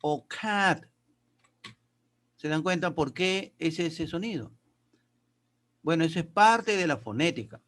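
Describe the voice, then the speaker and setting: A male teacher with a slightly raised voice walks his pupils through grammar and pronunciation one step at a time. He reads English sentences aloud slowly and deliberately. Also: on the high side, lively intonation, fairly bright tone. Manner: explains step by step, addresses pupils as kids. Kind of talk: classroom lesson.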